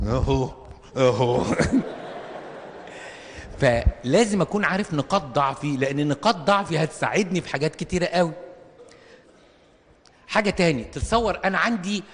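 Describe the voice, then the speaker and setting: A male Egyptian preacher with a slightly high voice and an Egyptian Arabic accent talks fast in a hall with long reverb. His comic sermon to the audience is animated, full of acted-out little dialogues and rhetorical questions.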